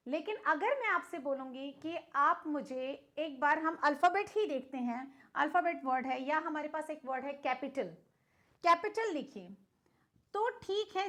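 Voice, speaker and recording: A woman's voice: high-pitched, fairly bright tone. A woman with an Indian accent explaining an English lesson to students, patiently asking questions and answering them herself. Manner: mixes English words into Hindi. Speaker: English teacher.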